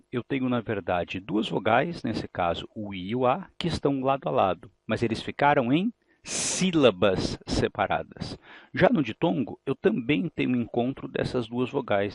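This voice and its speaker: A man's voice: mid-range voice, creaky, no echo. A Brazilian Portuguese-accented man teaching a grammar lesson for exam prep, explaining patiently and asking rhetorical questions. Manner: explanatory, asks rhetorical questions, repeats key points.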